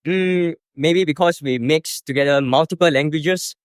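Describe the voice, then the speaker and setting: A man's voice: fairly high pitch, normal speed, clear, resonant tone, no room sound, studio quality. A man with a Singaporean Singlish accent giving hesitant, casual interview answers. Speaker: street interviewee. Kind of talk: casual chat.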